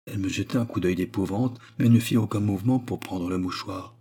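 Low, husky male audiobook narrator. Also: warm tone. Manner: measured, storytelling delivery with acted dialogue. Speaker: audiobook reader. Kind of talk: scripted literary narration.

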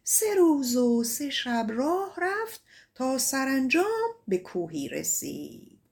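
Woman reading an old folk tale aloud, high voice, lively and expressive. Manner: colloquial, expressive storytelling. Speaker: audiobook narrator. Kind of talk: audiobook folk tale narration.

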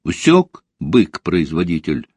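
A man voicing a sharp-tongued, hostile young pregnant woman in a read story, curt and scornful. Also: low-pitched, big pitch swings, slow pace, husky, no echo, heavily acted. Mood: bitter.

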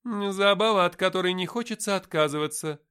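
A man's voice: high voice, brisk, a bit bright, clean tone, pitched above the performer's own voice. A man reading an audiobook voices a haughty, world-weary female angel who speaks in a commanding, solemn way.

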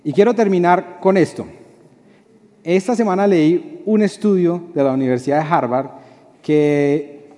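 A young man preaching a lively, joking sermon to a youth group, acting out little dialogues. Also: on the high side, unhurried. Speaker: youth pastor. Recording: long hall reverb.

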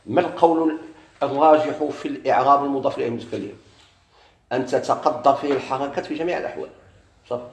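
Brief: Moroccan-accented male grammar teacher, quick delivery, quizzes himself aloud, echoey room. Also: medium pitch, darkish tone. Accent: Moroccan Arabic. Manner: poses questions and answers them himself. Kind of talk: classroom grammar lesson.

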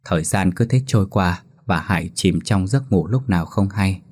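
A man narrating a scripted ghost story in a steady, even storytelling manner. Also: low-pitched, normal speed.

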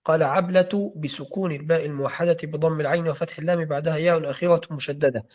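Fast-reading man reciting a classical text. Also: fairly high pitch. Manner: fast, steady recitation of names and spellings. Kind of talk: reading and discussing a hadith-studies text. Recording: dull lo-fi recording.

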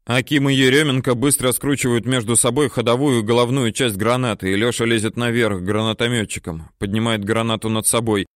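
A man narrating a war story audiobook in a steady, measured, terse manner. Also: mid-range voice, no echo, studio quality.

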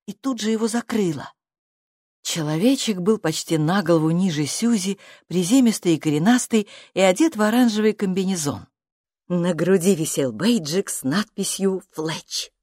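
A woman narrating a storybook in a steady, even reading voice. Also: on the low side, no room sound, clean studio sound.

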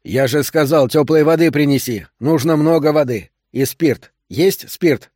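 A male audiobook reader voicing a gruff doctor who barks urgent orders during an emergency birth. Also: a little high, a little slow, darkish tone, dry recording, clean studio sound. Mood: commanding.

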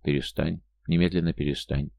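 A man voicing a quiet, patient wife in an audiobook, restrained and firm. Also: a bass voice, fairly even intonation, a little fast, creaky, no room sound, voice pushed down.

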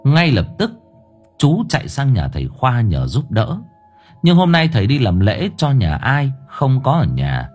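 A man narrating a ghost story in an expressive, lively storytelling manner. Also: medium pitch, measured pace, faint music behind. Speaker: audiobook narrator.

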